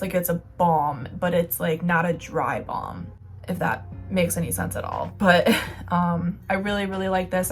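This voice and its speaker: Chatty young woman with a lower voice. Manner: chatty, many "like" fillers, quick and rambling. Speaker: beauty vlogger. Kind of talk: casual product review.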